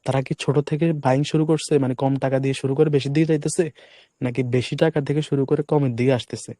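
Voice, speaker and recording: Hoarse man teaching fast and softly. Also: medium pitch, steady tone, no room sound. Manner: speaks deliberately softly to spare his voice. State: hoarse, voice breaking. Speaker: trading instructor. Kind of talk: live online class.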